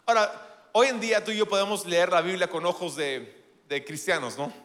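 A man preaching a sermon in an animated, playful way, with self-deprecating humor. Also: high-pitched, normal speed, long reverb tail.

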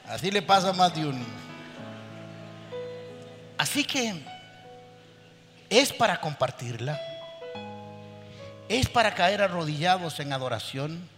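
High-voiced man preaching in a hall. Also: slow, long pauses, faint music behind. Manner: animated preaching, acts out people in stories. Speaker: pastor. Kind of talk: sermon.

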